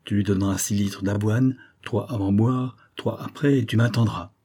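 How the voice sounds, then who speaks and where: A man's voice: lowish voice, fairly even intonation, normal speed, warm tone, slightly rough. A man voicing a cunning male rogue disguised as a valet, giving orders in a bossy tone in an audiobook reading. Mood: commanding. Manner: bossy, commanding tone toward servants.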